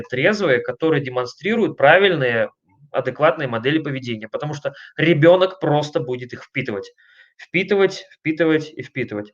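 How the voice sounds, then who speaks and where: A man giving an online lecture on family communication, talking emphatically and conversationally, putting questions to his listeners and pausing on fillers between points. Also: fairly high pitch, dull audio. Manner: emphatic, conversational, addresses listeners directly with frequent rhetorical questions.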